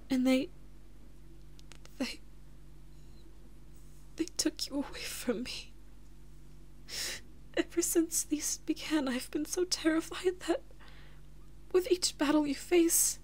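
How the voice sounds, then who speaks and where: A woman plays a devoted, anxious princess who is both big sister and lover in an intimate audio roleplay, her high voice soft, halting, and breathy with emotional whispers. Her mood moves from anguished and haunted to terrified and pleading.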